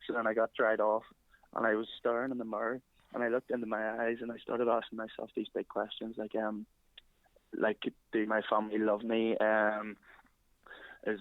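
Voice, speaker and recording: Casting: man as an unhinged call-in guest, flat delivery, low voice, muffled line. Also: dry recording, close to an everyday voice. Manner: rambling, flat and matter-of-fact. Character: deadpan unhinged male caller Robert. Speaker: prank caller.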